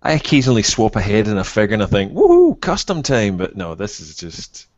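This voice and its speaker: A man co-hosting a casual podcast over a call, enthusing with sudden excited jumps between mumbled asides. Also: on the low side, fast, no room sound, muffled recording. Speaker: podcast co-host.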